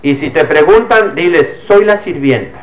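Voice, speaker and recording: A man's voice: on the high side, lively intonation, moderate pace, echoey room, close to an everyday voice, rough recording. A man voicing a scornful teenage girl who is ashamed of her mother. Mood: disdainful.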